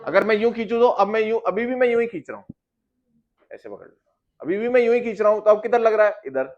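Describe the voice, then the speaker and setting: High-voiced male physics teacher. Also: animated, quick pace, dull audio. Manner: explains with questions to students, addresses them as beta. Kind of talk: classroom lecture.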